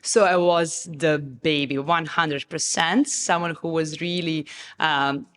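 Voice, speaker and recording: A woman with a Serbian accent talks as a guest in a relaxed interview. Her voice sits low, and her reflective words come out with plenty of pauses. A long reverb from the restaurant room trails behind her. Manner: calm, thoughtful, with many pauses and ums. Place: restaurant bistro. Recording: roomy reverb in a bistro.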